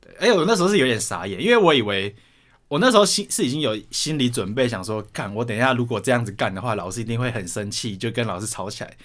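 A young man from Taiwan talks fast in a casual podcast chat. He tells his school stories with a lot of swearing, and his voice sits in the middle of the male range. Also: medium pitch. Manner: swears often, animated retelling. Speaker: podcast co-host.

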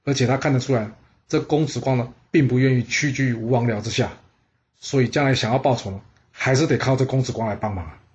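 Man storyteller, history narration, conversational, mid pitch, slightly dull lo-fi. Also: fast talker, darkish tone, slight background noise.

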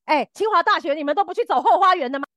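A woman's voice: extremely high pitch, animated, very fast, fairly bright tone, dry recording, studio quality. A woman co-hosting a podcast, telling a story animatedly and acting out the quoted lines. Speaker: podcast co-host. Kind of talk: casual storytelling chat.

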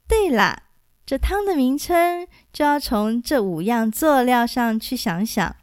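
A woman's voice: high-pitched, lively intonation, a little slow, dry recording, studio quality. A woman voicing a clever, playful teenage girl cook who teases and coaxes as she gives hints. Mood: teasing. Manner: teasing, coaxing.

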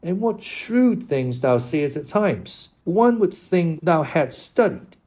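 Casting: man voicing a lofty, lecturing old knight for an audiobook; mellow, husky tone. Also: fairly high pitch, big pitch swings, slow pace, pitched above the performer's own voice, exaggerated voice. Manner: formal archaic speech, declaiming. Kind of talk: audiobook character reading.

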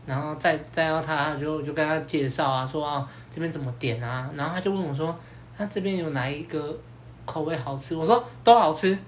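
A man's voice: on the high side, a little fast, a little hiss or hum. Man, podcast host, casual storytelling, voices other people's lines. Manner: animated, acts out both sides of dialogue, many fillers.

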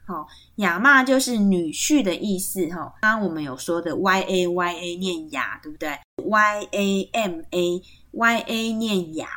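A woman's voice: fairly low pitch, bright, forceful tone. A woman with a Taiwanese Mandarin accent hosting a podcast language lesson, patiently explaining words and spelling them out letter by letter. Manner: frequent tag particles seeking agreement. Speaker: podcast host teaching Atayal kinship terms.

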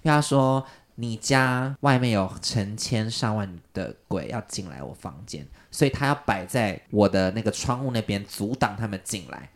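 A man casually telling a long story on a podcast, animated and jumping up in pitch when he quotes people. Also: moderate pace. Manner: animated, jumps high when quoting people.

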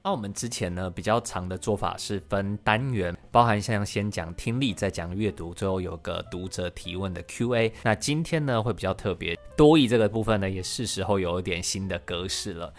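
Low-voiced man. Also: a little fast, hardly any pauses. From Taiwan. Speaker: podcast host, interviewee. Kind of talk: podcast interview.

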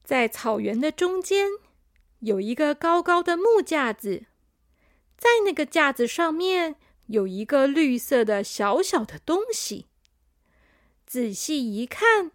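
A woman storyteller reading a children's story, gentle and speaking to young listeners. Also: high-pitched, no room sound, clean studio sound.

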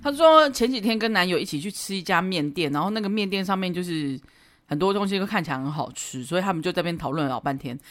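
A woman's voice: fairly low pitch, lively intonation, fast. A woman with a Taiwanese Mandarin accent hosts a podcast, giving casual advice in a chatty, teasing way and laughing often. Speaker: podcast host.

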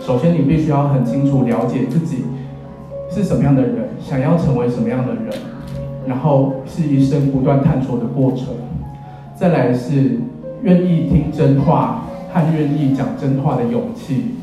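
A man's voice: mid-range voice, normal speed. A man in his thirties with a Taiwanese accent, giving a wedding speech as officiant with wry, self-deprecating humour. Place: in a church, speaking to guests. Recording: very echoey church hall, music behind.

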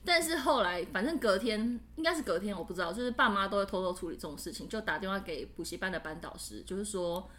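A woman's voice: mid-range voice, expressive, fast, few pauses, a bit bright. A woman, co-hosting a podcast and candidly recounting a personal story in casual chat. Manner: candid, laughs while telling a frightening story. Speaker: podcast co-host.

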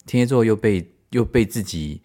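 Low-voiced Taiwanese man chatting casually. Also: moderate pace. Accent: Taiwanese Mandarin. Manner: chatty, expressive, giggly. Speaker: podcast host. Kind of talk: casual solo chat.

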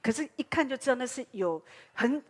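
A middle-aged woman pastor with a Taiwanese Mandarin accent preaches in a church, turning her sermon into a lively story. Her voice sits fairly high and has a husky, breathy edge. She keeps the talk casual and often tags her lines with a little "ha". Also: brisk.

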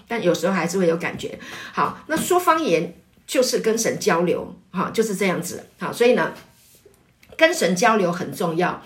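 A woman pastor's wife teaching a church group and leading prayer, explaining patiently with many fillers and building to loud, fervent calls of praise. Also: lowish voice. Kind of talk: sermon teaching. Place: church meeting, also online.

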